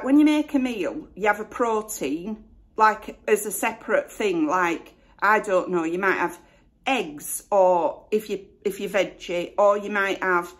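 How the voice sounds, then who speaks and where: A YouTuber in her forties from Northern England, with a West Yorkshire accent and a medium-pitched voice, does a casual Q&A to camera at home. She is chatty and self-deprecating, saying "you know" a lot, with flowers in the room behind her.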